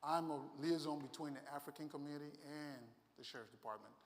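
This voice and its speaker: Recorded in a church hall with a long reverb, a Liberian man who serves as a sheriff's deputy delivers a safety training talk. His voice is on the high side and quick, and his conversational style is sprinkled with fillers.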